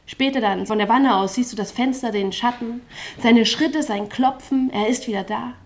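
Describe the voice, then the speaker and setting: A woman with a slightly high voice performs spoken-word poetry live on stage, without a microphone. Her delivery is rhythmic and chant-like. She breaks into stuttering, repeated refrains. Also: moderate pace.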